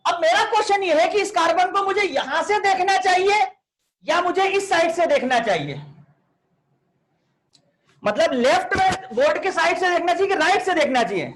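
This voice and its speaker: A man's voice: very high voice, expressive, moderate pace, a bit bright. A man teaching a chemistry class online, chatty and coaxing, scolding students by name and mixing English terms into his talk.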